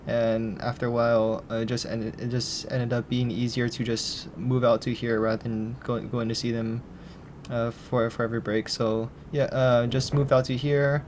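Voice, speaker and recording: Halting, monotone young man from Hawaii. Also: medium pitch, a little hiss or hum. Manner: halting and hesitant, full of restarts. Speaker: interview guest, film student. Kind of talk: casual interview answers.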